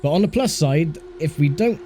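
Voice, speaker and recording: A man's voice: a little high, lively intonation, normal speed, dark tone. A man giving casual, conversational commentary while he plays a racing game, with mildly grumbling asides. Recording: faint car engine noise behind voice. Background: racing game engine sound.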